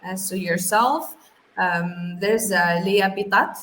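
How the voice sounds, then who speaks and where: A woman in her thirties from Algeria, an English teacher for whom English is a third language rather than her first, answers interview questions casually. Her voice is medium-pitched, slow and a bit bright, and she often repeats words while thinking. The recording has a roomy echo and faint background noise.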